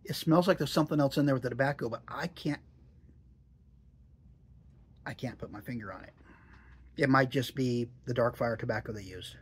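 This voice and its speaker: A man's voice: mid-range voice, moderate pace, pauses often, slightly rough. A middle-aged man chatting casually in a vlog, musing and hesitant, with dry jokes. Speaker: tobacco reviewer.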